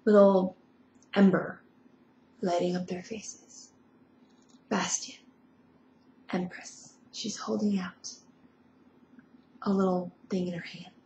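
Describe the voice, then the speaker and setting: A woman's voice: lowish voice, level tone, takes it slowly, pauses often, dark tone, reverberant, lo-fi sound, a little hiss or hum. A woman casually retelling movie scenes with offhand, sarcastic asides. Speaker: vlogger.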